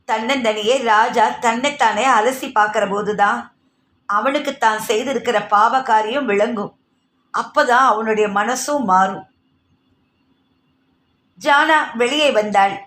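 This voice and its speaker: A woman's voice: fairly high pitch, takes it slowly, long pauses, a bit bright, echoey room. A woman reading a novel aloud as a narrator, voicing the characters' dialogue herself. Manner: reads characters' dialogue in her own voice.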